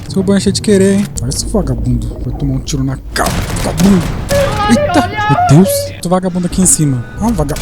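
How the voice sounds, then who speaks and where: A man giving excitable gameplay commentary, cursing at enemies as he plays. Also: sits high. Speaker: gaming streamer. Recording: voice over loud game music.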